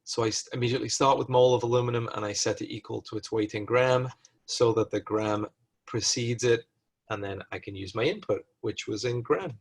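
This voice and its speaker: A man lecturing through chemistry exercises in a recorded lesson, at a middle pitch. He reasons aloud and stops to correct himself partway through sentences. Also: fairly even intonation, brisk.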